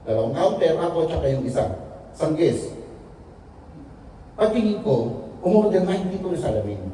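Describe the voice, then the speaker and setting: A man's voice: a little high, big pitch swings, moderate pace, mellow, slight background noise. A man from the Philippines giving a joking, storytelling testimony to a seated audience at a business presentation. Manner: joking, storytelling, acts out quoted dialogue. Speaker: invited speaker at a business presentation. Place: large echoey meeting room. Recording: very echoey room, voice from far off.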